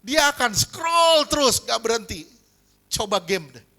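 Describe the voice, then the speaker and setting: A male pastor preaching a lively sermon, often asking the congregation whether they agree. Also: very high voice, unhurried. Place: church hall.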